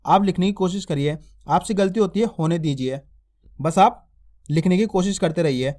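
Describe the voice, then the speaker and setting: A man with a fairly high voice teaches beginners to read, patiently breaking words into syllables and saying each one slowly. He repeats every word and keeps checking that the listener follows along. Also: dark tone. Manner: draws out syllables and stresses sounds when spelling. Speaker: Hindi reading teacher. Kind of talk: slow spelling lesson for beginners.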